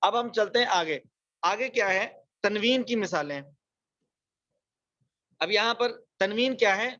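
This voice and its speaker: A man teaching a Quran recitation lesson online, explaining rules quickly and then reciting example words slowly and drawn out. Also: sits high, pushed and bright, no room sound, dull audio.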